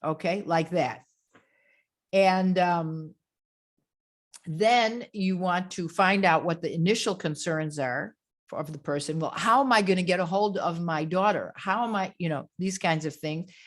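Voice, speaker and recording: A woman grief counselor giving a webinar lecture. She speaks directly, repeats her key phrases and often closes a point with "okay?". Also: lowish voice.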